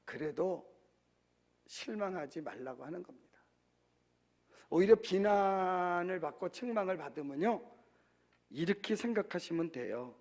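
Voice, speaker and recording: A man's voice: high voice, expressive, measured pace, long pauses, darkish tone. A male pastor preaching a sermon in a conversational way, asking the congregation questions.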